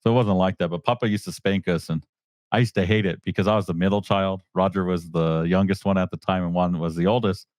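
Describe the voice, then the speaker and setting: A man's voice: deep voice, steady tone, quick pace, a little mellow, dry recording, clean studio sound. A man hosting a podcast, chatting about his family in an easygoing, chuckling way. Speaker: podcast host. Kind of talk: casual chat.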